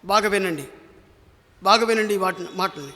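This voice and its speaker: A man preaching a sermon in a church, impassioned, swinging from pleading cries to low, hushed lines. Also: normal speed, in a large hall. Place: church hall.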